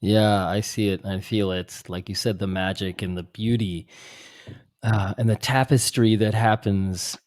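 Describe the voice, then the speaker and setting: Low-voiced male host, affirming. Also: steady tone, measured pace, a little mellow, dry recording, clean studio sound. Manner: affirming, reflective. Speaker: podcast host. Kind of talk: conversational interview.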